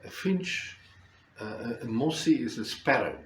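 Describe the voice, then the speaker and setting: An older man with a South African accent and Afrikaans as his first language, telling a personal story reflectively with halting, deliberate phrasing. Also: mid-range voice, expressive. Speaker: storyteller, host. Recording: roomy echo with faint background noise.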